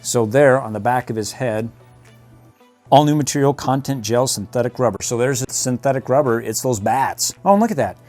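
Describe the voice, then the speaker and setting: Playful dad toy reviewer, animated swoops, jokes constantly, soft music underneath. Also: male voice, mid-range voice, fairly quick. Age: middle-aged. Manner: goofy, joking, jumps between bits and impressions. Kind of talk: casual toy unboxing review.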